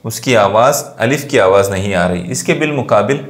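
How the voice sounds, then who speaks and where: A man's voice: fairly low pitch, expressive, moderate pace. A man teaching a grammar lesson, who asks his students questions, answers them himself and repeats the key points. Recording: echoey room.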